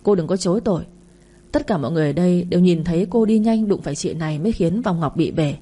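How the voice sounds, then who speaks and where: A gruff, menacing street thug demands money, as a female narrator voices him. The tone is low, mellow and husky, delivered without much change from her own voice. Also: fast. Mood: threatening.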